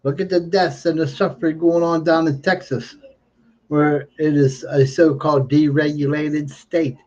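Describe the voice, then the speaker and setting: His voice sits on the high side, mellow and slightly slurred since he's toothless and learning to speak without teeth, with a flat, unhurried delivery. As a livestreamer he rants unscripted about politics, emphatic and repetitive. The audio is dull lo-fi stream sound.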